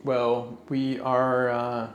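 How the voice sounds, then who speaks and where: A man's voice: medium pitch, completely flat delivery, extremely slow, lo-fi sound, slight background noise. Firm man addressing a spirit, echoey. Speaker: paranormal investigator.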